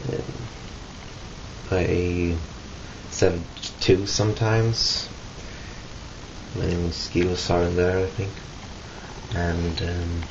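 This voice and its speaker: This is a casual webcam self-introduction by a young vlogger from Sweden, Swedish-accented, whose very deep, flat voice moves slowly and hesitantly through ums and restarts. He's close to the webcam in a small room at home, and the recording comes out dull, muffled, and lo-fi under a constant hiss.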